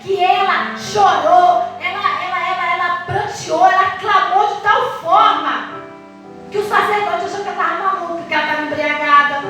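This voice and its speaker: A middle-aged Brazilian woman pastor preaches with a very high, bright voice, pressing her words and drawing phrases out until they almost become song. Her sermon rings through a big, echoey church hall, heard from some distance from the mic, with soft music beneath it. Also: fairly even intonation. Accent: Brazilian Portuguese. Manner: passionate, emphatic, drawn-out preaching with sung-out phrases.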